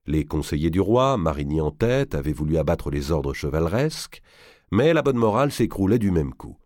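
Deep-voiced man reading a historical novel. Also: moderate pace, no echo, clean studio sound. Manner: expressive, theatrical reading. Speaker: narrator. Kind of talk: dramatic audiobook reading.

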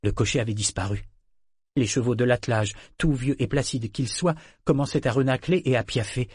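A man narrating an audiobook in a measured, even reading. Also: medium pitch, slightly rough, no room sound, clean studio sound.

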